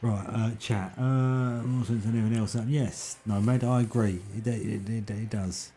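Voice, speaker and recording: A man talking casually on a game stream. His voice is lowish and mellow with a gravelly creak, over faint background noise. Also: steady tone, a little slow.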